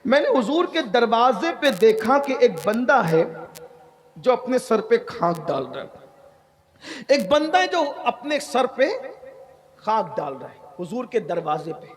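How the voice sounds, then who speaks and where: A high-voiced male preacher from India tells a story to his congregation. He repeats phrases again and again for emphasis. His delivery stays emphatic. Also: big pitch swings. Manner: emphatic, heavy repetition. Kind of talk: sermon storytelling.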